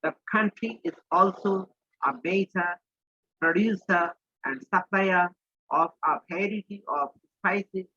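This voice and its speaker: Male teacher, bright clear lo-fi voice. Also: high-pitched, no room sound. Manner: reads English slowly, then explains in Bengali. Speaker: English teacher. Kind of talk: online class lesson.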